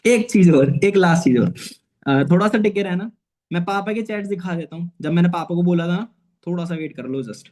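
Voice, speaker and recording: Over an online meeting, a man in his twenties, a network marketing manager, gives an earnest, personal motivational talk, often tossing in "theek hai." His voice is high and darkish in tone, and he speaks a little fast.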